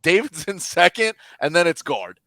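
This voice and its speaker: A man's voice: sits high, normal speed. A man co-hosting a casual sports podcast, telling stories animatedly and mimicking people as he goes. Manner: animated storyteller, mimics people mid-story. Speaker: podcast co-host.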